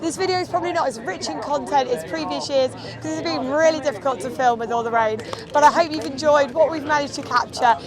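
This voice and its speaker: A woman vlogging at an outdoor event, chatty and upbeat, her voice going hoarse. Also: high voice, quick pace, hardly any pauses. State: losing her voice. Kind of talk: casual piece to camera. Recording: outdoor event, crowd and music behind.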